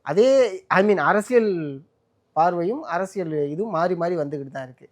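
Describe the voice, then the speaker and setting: Probing man with a high voice. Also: animated, moderate pace. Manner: probing, pushes back on answers. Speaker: interviewer. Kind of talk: casual Tamil interview questioning.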